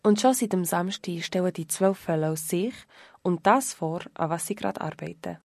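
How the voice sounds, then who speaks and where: A woman narrating a radio report in a measured, clearly articulated way. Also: lowish voice, darkish tone, no echo.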